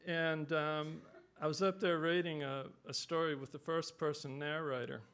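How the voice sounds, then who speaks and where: A male author giving relaxed, self-deprecating remarks at a writers' conference, then reading his own short story aloud. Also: on the high side, normal speed, clean tone.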